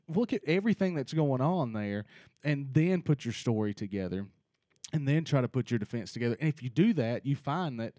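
A man's voice: mid-range voice, dark tone, no echo, studio quality. A man hosting a casual faith discussion, earnest and thinking aloud with many restarts.

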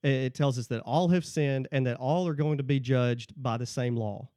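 A man's voice: medium pitch, moderate pace, warm tone, no echo. A man talking about the Bible in a casual discussion, laying out points one by one and often checking in with "okay?". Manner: explains point by point, tags lines with "okay?". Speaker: guest.

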